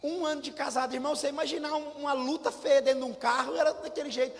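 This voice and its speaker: A middle-aged man preaching a sermon as pastor, telling lively humorous stories and speaking directly to the congregation. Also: very high voice, very fast, gravelly. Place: church hall. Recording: church hall reverb with faint music.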